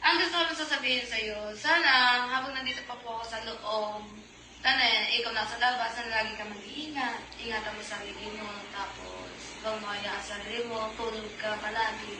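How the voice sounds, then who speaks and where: Woman, casual chat, halting and soft, far from the mic, echoey with clear noise. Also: fairly high pitch, steady tone. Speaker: interviewee, partner.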